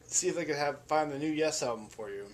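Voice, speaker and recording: A friendly older male store manager, brisk and cheery, as a man puts him on. His voice sits a touch higher than the speaker's own. Faint room ambience sits underneath. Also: a little hiss or hum, natural voice.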